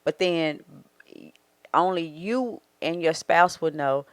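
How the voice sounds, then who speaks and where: A woman's voice: deep voice, slow pace, smooth, dry recording. A woman in her forties with a Southern US accent, a marriage coach giving earnest advice in a casual podcast chat. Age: 40s. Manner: earnest, advising, acts out quoted thoughts. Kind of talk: casual faith-based podcast talk.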